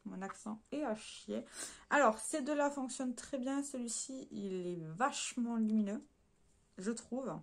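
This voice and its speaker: A woman's voice: a little high, unhurried. A woman chatting casually through a beauty haul, hesitating often with fillers and correcting herself as she talks straight to her viewers. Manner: addresses viewers directly while showing swatches. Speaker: beauty vlogger.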